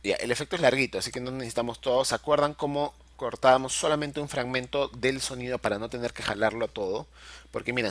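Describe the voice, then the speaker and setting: A man's voice: medium pitch, fairly bright tone, no room sound. Patient man teaching step by step. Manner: patient step-by-step explaining, checks in often with the class. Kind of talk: screen-recorded software tutorial.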